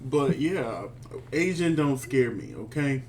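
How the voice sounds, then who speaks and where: A man in his thirties co-hosting a casual review chat, sassy and animated, calling people "honey.". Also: mid-range voice, slow, slight background noise. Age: 30s. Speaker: podcast co-host.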